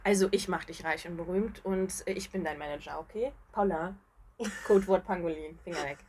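A young woman hosting a casual podcast chat at home, joking and animated. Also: fairly low pitch, a little fast, slight background noise. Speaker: podcast host. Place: flat.

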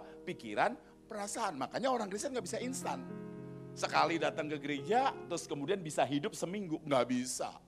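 A man from Surabaya delivers a church sermon with animated, joking energy, often throwing questions back at the congregation. His voice sits a little high for a man. Faint music plays quietly behind him. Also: creaky. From Surabaya, Indonesia. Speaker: preacher.

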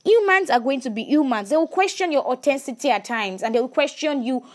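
A woman's voice: sits high, lively intonation, fast talker. A woman giving a casual faith talk to her viewers, emphatic, repeating words and asking rhetorical questions.

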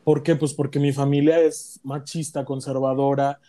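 A man's voice: medium pitch, moderate pace. A young man with a Mexican Spanish accent, candidly telling a personal story in casual chat and acting out the voices of people in it. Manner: candid, animated, acts out quoted voices. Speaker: guest telling his story.

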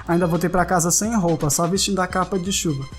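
A man hosting a podcast, reading listener comments aloud in a casual, playful, slangy way with lively jumps in pitch. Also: fast talker, faint music behind. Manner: animated, playful, slangy, jumps between high and low pitch. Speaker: podcast host.

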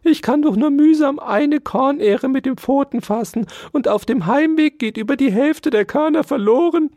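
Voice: high-pitched, normal speed, darkish tone, dry recording, studio quality, pitched above the performer's own voice. Mariechen, a wailing little field mouse. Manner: wailing, pleading and self-pitying. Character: poor whining female field mouse.

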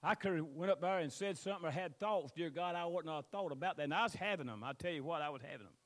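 High-voiced Southern preacher man with a drawl. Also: fast talker, fairly bright tone. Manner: folksy, rambling, with drawled, stretched-out scripture phrases. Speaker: pastor preaching to his congregation. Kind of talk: sermon, mixing scripture reading with plain exhortation.

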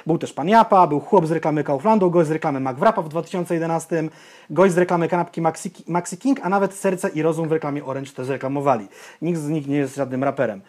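Young man, podcast co-host, blunt, swears a lot, fairly high voice. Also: quick pace. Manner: blunt, swears, ranty and animated. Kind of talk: opinionated casual podcast chat.

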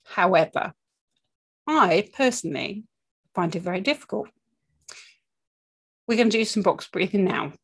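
A breathing coach with a mid-range, slightly rough, animated voice chats candidly to camera about anxiety and breathing. Though animated, she speaks haltingly with long pauses, checking in often by saying "okay" and "yeah."

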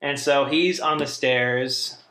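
A man's voice: medium pitch, steady tone, slow, sharp tone, reverberant, a little hiss or hum. A young man, a podcast co-host, telling family stories in casual chat, rambling and interrupting himself with laughs.

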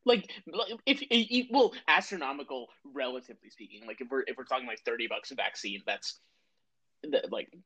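A man co-hosting a casual podcast, animated, repeating his words at restarts and swearing casually. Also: mid-range voice, brisk, breathy edge, rough recording. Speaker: podcast co-host. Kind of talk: casual chat.

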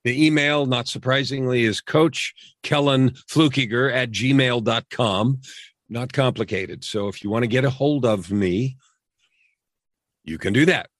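A middle-aged man, a coach and podcast guest, talking earnestly in a repetitive, emphatic way, his voice dropping low on key phrases. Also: measured pace, fairly bright tone, no room sound, studio quality. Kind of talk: motivational interview talk.

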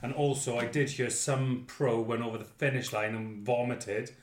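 A man's voice: mid-range voice, fairly even intonation, moderate pace, reverberant. A man co-hosting a club podcast, talking in a chatty, jokey way. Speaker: podcast co-host. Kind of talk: casual chat.

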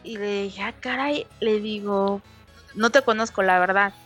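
A woman's voice: mid-range voice, measured pace, faint music behind. A young Mexican woman in casual chat, telling stories and acting out the messages she quotes. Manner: animated storyteller, acts out quoted messages.

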